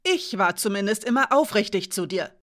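A woman voicing a young female soldier held captive, speaking in a sharp, accusing, bitter way. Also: medium pitch, lively intonation, normal speed, natural voice. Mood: angry.

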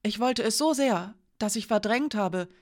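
A woman's voice: mid-range voice, lively intonation, a little slow, a little mellow, voice pushed up. A woman reading an audiobook, voicing a young woman full of guilt who pleads through tears. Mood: tearful. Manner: pleading, emotional.

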